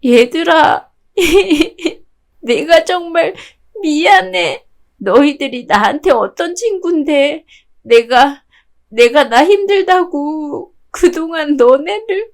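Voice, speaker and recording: A woman's voice: high voice, animated, slow pace, pitched above the performer's own voice, heavily acted. A woman doing a tearful heartbroken young woman. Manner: tearful, voice breaking into sobs. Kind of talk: radio drama storytelling.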